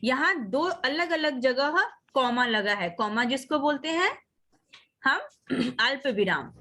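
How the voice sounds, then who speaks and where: A woman teacher giving an online lesson, reading example sentences slowly and calling the children "beta". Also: high-pitched, animated, sharp tone. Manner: coaxing, addresses children as beta. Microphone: video call.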